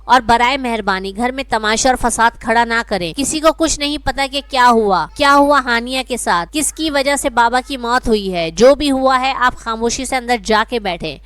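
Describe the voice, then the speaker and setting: A woman's voice: fairly high pitch, hardly any pauses, fairly bright tone, clear, resonant tone, close to an everyday voice. A woman voicing a stern, grieving young man who firmly orders his family, in a read-aloud story. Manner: firm, commanding.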